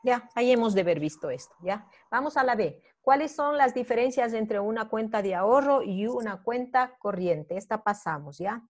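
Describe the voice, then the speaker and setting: A woman's voice: on the high side, expressive, moderate pace, hardly any pauses. A middle-aged woman teacher, patiently explaining a review lesson step by step and checking in with her students. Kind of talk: online class review.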